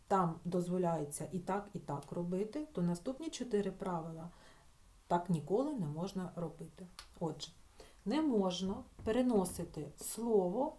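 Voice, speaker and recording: A woman teacher patiently explaining spelling rules in a recorded lesson for schoolchildren, stretching example words out slowly and checking in with the class. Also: on the low side, a little mellow. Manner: talks the class through with filler sounds and checking "так?".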